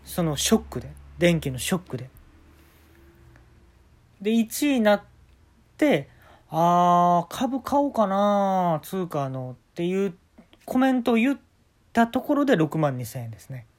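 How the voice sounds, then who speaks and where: Deadpan Kansai man telling absurd stories. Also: normal speed, long pauses. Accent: Kansai Japanese. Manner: deadpan telling of absurd tales with sudden pitch jumps. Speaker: talk show host. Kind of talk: casual storytelling monologue.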